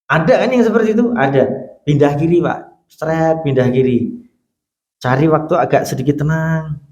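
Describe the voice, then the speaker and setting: A man with a Javanese Indonesian accent preaching a mosque sermon. He talks animatedly, jumping high for questions and dropping soft and low for hushed examples. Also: moderate pace, lo-fi sound. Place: mosque hall. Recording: echoey mosque hall.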